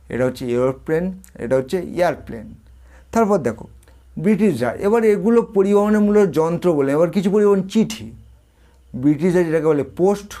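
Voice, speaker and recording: A male tutor from India gives a spoken lesson in a slightly high voice. He states each term, repeats it, and puts questions to the listener. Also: dark tone. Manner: explains each term, then repeats it and quizzes the viewer. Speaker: English tutor.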